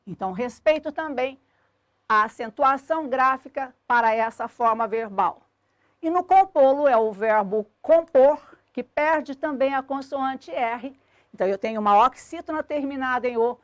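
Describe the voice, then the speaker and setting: High-voiced Brazilian woman teaching grammar. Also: moderate pace, no echo. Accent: Brazilian Portuguese. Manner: clear, didactic, stretches out example words and endings. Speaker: Portuguese language teacher. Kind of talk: scripted grammar lesson.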